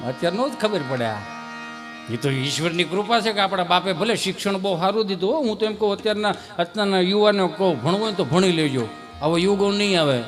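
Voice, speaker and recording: A man telling a comic folk story on stage, repeating lines for punch and bursting into loud exclamations. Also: sits high, fast talker, music in the background. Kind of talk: live dayro comic storytelling. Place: live stage show.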